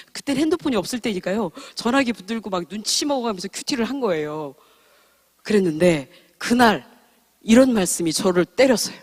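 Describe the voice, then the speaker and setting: Woman in her 50s giving a heartfelt testimony sermon at church, candid and self-mocking. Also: mid-range voice. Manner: earnest, heartfelt storytelling; frank and self-deprecating. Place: church service.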